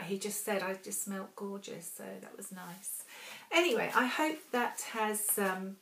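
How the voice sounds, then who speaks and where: Lady rambling about skincare in an echoey room, lowish voice. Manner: chatty, rambling, warm asides. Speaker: beauty vlogger. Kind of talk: casual product review. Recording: roomy echo.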